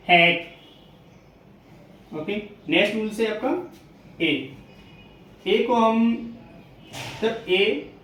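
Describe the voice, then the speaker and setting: A man teaching a spoken English lesson, slowly repeating his points and asking questions that he then answers himself. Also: sits high, a little hiss or hum. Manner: slow, repetitive teaching, poses questions and answers them. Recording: very echoey room, mic at a distance.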